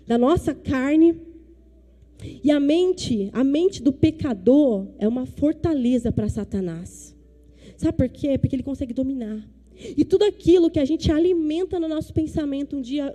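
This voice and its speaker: A woman's voice: a little high, warm tone. A woman in her thirties from Brazil, a pastor preaching a sermon with emphatic repetitions. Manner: emphatic, repeats phrases, acts out dialogue.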